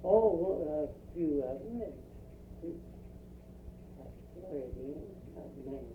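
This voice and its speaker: An older speaker from rural Virginia with an Appalachian accent, reminiscing in a halting, folksy, plain-spoken way for an oral history interview. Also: medium pitch, animated. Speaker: local interviewee recalling mountain life. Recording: tinny, roomy, distant, noisy field tape.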